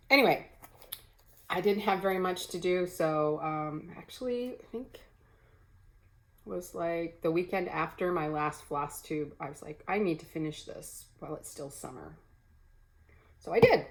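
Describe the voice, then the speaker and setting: A woman with a somewhat low voice chats casually to camera at home, showing her stitching. She rambles, filling pauses with ums and correcting herself as she goes. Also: low-quality recording. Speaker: cross-stitch vlogger. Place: home, early morning.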